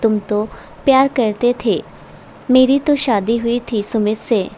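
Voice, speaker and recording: A woman's voice: fairly high pitch, unhurried, dark tone, a little hiss or hum, natural voice. A woman voicing a grieving young widow who speaks in a bitter, accusing way.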